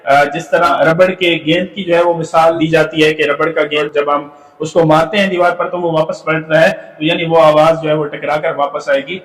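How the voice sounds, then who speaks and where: A man teaching a tajweed lesson from slides, explaining patiently with filler pauses and sounding out demonstration syllables. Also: fairly high pitch, little pitch movement, roomy sound, distant mic, poor audio. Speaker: Quran recitation teacher.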